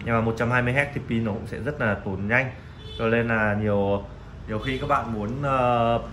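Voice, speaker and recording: A man gives a casual, halting sales pitch as a shop seller, often repeating himself. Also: fairly bright tone. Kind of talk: casual sales pitch presenting used phones. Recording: clearly noisy room recording.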